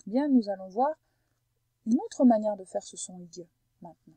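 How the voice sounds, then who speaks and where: A woman teacher with a mellow, slightly husky voice walks a young pupil through a phonics lesson. She talks patiently and slows right down to over-articulate each sound. The recording is close and dry. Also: medium pitch, lively intonation, no echo, poor audio. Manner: slow, careful over-articulation of sounds for a child.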